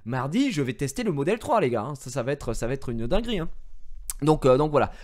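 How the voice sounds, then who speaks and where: A man in his thirties, a streamer chatting casually to his viewers, telling stories in an animated way and swearing freely. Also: mid-range voice, fast talker. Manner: animated storytelling, swears freely, mocks others in raised voice. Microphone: gaming headset.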